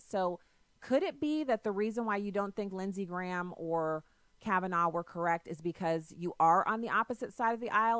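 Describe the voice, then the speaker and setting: Argumentative and assertive, this woman hosts a political call-in radio show and is quick to hit her caller with pointed questions. Her voice sits on the low side, in a dry recording.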